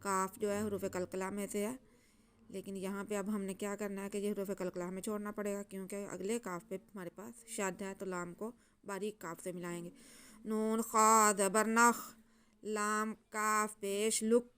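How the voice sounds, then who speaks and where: A woman teaching Quran reading, chanting letters and syllables slowly, then explaining the rules in quick soft asides. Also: medium pitch, little pitch movement, slight background noise.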